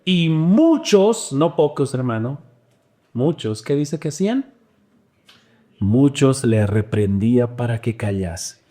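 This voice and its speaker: A man preaching a sermon as pastor, animated, with wide swings in pitch and loudness. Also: slow.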